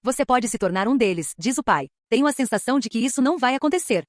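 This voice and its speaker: A woman reading a light novel aloud in first person, with even, brisk storytelling and dialogue read in the same voice. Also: fairly high pitch, no echo. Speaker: audiobook narrator.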